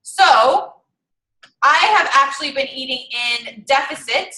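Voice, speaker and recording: Young female fitness coach, high bright voice, casual encouraging talk, roomy echo. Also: unhurried. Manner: chatty, encouraging, thinking aloud through calculations. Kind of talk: casual online group coaching.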